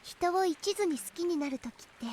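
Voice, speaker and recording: A high, youthful girl's voice from a visual novel. She is mysterious and speaks quickly with a sweet, unsettling smile in her delivery. Faint noise sits behind her. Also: a little mellow. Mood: sweet, probing. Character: mysterious teenage girl, sweetly smiling yet unsettling. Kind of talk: Japanese visual novel voice acting.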